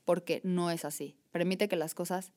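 Woman guest, animated reflective conversational delivery. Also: on the low side, moderate pace. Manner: animated, reflective, repeats "o sea" and "¿sabes?". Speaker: podcast guest. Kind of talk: casual conversation.

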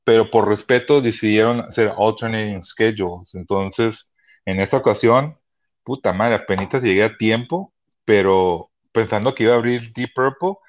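A man, telling concert stories as a podcast guest in a casual, profane, animated way. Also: fairly low pitch, moderate pace, lo-fi sound. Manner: profane, animated, many restarts. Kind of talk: casual storytelling chat. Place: Chula Vista hospital.

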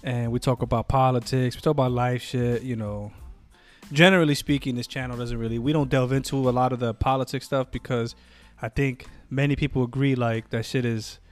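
A man's voice: mid-range voice, fairly even intonation, a little fast, soft background music. A man co-hosting a podcast in casual chat, talking in a rambling way with lots of slang and swearing. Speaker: podcast co-host.

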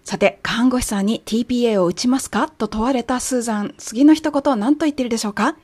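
A woman's voice: fairly high pitch, a little mellow. Patient Japanese-speaking woman teaching English. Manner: clear, patient explaining, careful slow English examples. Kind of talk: language lesson narration.

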